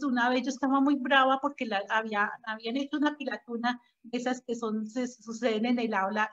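A woman's voice: on the high side, a bit bright. A woman, a preschool teacher explaining her ideas in an interview and telling anecdotes from her classroom. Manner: explanatory, uses personal anecdotes. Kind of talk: conversational interview. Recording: dull lo-fi audio.

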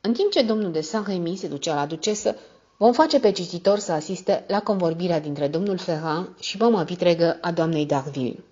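A woman reads a classic novel aloud in a measured, steady storytelling voice that sits lower than most. The sound is dull and lo-fi, like an older home recording. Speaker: audiobook narrator. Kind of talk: scripted narration.

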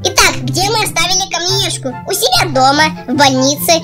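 Casting: childlike cartoon dog, very high and cheeky, playful exclamations, loud music underneath. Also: expressive, a little fast. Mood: eager. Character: cheeky, boastful young talking husky dog, cartoon pet. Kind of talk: scripted cartoon dog voice-over.

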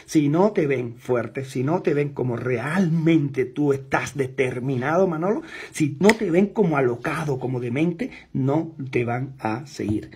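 A man's voice: mid-range voice, expressive, unhurried, few pauses, darkish tone, slightly rough. A man coaching his sales team in an intense, emphatic, repetitive motivational talk. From outside Mexico.

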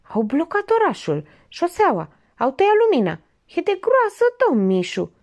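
A woman's voice: high voice, huge pitch swings, darkish tone, pitched above the performer's own voice, heavily acted. A woman voicing an exhausted, panicked young man bringing alarming news, in an audiobook. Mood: alarmed. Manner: breathless, alarmed. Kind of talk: audiobook character reading.

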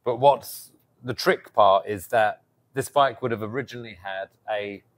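A man's voice: lowish voice, moderate pace. A man in his thirties, a custom motorcycle builder, talking casually and animatedly outdoors by a garage door on a lapel mic. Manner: animated, explains with hand gestures. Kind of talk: casual show-and-tell.

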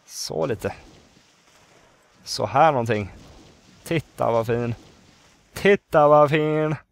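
A man chatting casually through his gameplay, thinking aloud and counting under his breath as he builds. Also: medium pitch. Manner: bursts into loud excited exclamations. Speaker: let's play gamer.

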